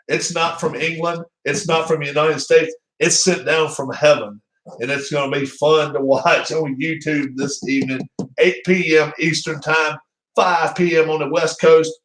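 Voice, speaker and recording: A man hosting his own channel, chatting casually on a live stream in a rambling, teasing, jokey manner. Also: on the high side. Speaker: channel host. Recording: roomy echo.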